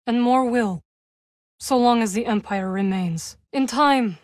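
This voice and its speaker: A woman voices a solemn young witch warrior in video game dialogue, her voice sitting a little high. She's calm and reflective, speaking with measured care and formal phrasing with few contractions, plus a guarded, wry edge, and the acting is light. The sound is dry, with no echo or room around it.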